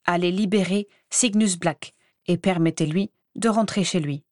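A man's voice: sits high, normal speed, no room sound, studio quality, natural voice. A woman voicing a furious, pompous male ministry official who barks orders at his assistants. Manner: barking orders.

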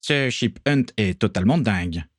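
A man voicing a brisk vampire pirate first mate calling out orders in a read-aloud story. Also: fairly low pitch, animated, no room sound, studio quality. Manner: calls out orders.

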